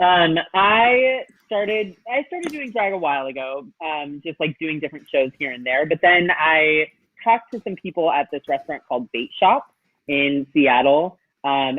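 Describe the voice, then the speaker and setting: A man's voice: on the high side, no room sound. Drag queen contestant, casual and hesitant, tinny call audio. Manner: hesitant, filler-heavy. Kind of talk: casual chat.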